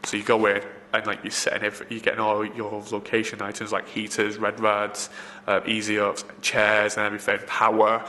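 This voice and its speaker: Pushed and bright, with a fairly low pitch, a male film location assistant answers interview questions in a rambling way, restarting often and using lots of fillers. Faint background noise carries through the reverberant room.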